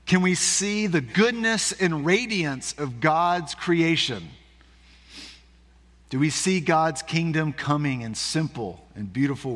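A man pastor preaching a sermon, asking slow, contemplative questions. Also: on the high side, fairly bright tone, long reverb tail.

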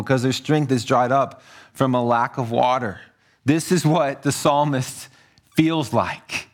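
A man preaching a sermon as pastor, earnest, moving between hushed low passages and raised emphatic ones.

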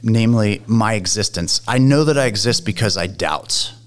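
A man's voice: lowish voice, moderate pace. A man, a guest in a conversation, explaining ideas in a lecturing way and often restarting his phrases.

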